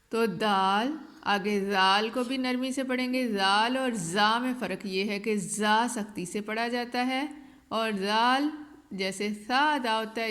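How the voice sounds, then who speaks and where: A woman teacher records a lesson at a middling pitch. She talks slowly and carefully and leans on each sound she names. The delivery is patient and methodical. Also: fairly bright tone. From Pakistan.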